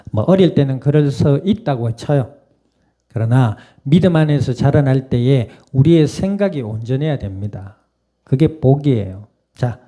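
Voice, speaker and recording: Korean pastor with a very dark voice. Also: male voice, fairly high pitch. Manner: conversational preaching with laughs and rhetorical questions. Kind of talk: sermon. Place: church sanctuary.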